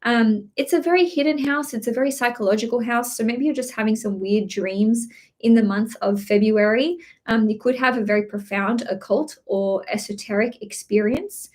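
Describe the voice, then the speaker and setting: A woman talking through a live horoscope reading in a loose, chatty way. She often stops for fillers and restarts her sentences, and she has a slight cough and keeps clearing her throat. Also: a little high, moderate pace, darkish tone. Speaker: astrology reader.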